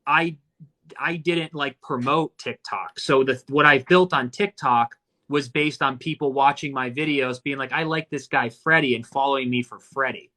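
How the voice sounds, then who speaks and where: Guy in his 30s chatting on a live stream, bright voice, earnest, keeps restarting his sentences. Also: medium pitch, moderate pace. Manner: earnest, thoughtful, many restarts. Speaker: actor hosting a live stream. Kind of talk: casual chat.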